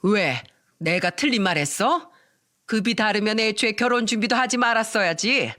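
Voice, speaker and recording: A woman voicing an arrogant, contemptuous middle-aged future mother-in-law who belittles and yells, in a narrated story. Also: mid-range voice, animated, moderate pace, natural voice. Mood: dismissive. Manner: scornful, yelling, belittling.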